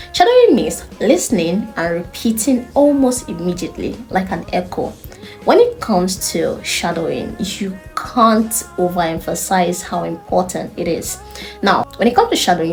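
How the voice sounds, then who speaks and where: A woman with a Nigerian accent giving an online language lesson, emphatic and playful as she explains. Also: medium pitch. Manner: animated, emphatic, playful teaching. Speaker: Chinese language tutor.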